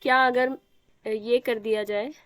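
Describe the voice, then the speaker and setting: A woman's voice: fairly high pitch, fairly even intonation, a little slow, noisy background. A young woman teaching a math class, explaining step by step and quizzing students as she goes. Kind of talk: live online math class.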